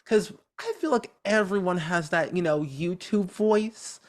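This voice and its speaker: As a guest on a podcast, a cheerful and chatty content creator talks casually at a measured pace in an interview setting. Their voice is naturally high with a medium tone.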